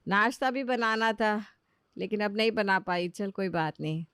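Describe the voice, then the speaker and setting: A woman's voice: mid-range voice, normal speed, a bit bright, clear, resonant tone, no room sound, clean studio sound, lightly acted. A woman voicing a firm, commanding mother-in-law who runs the household. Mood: stern. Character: stern middle-aged mother-in-law, household head.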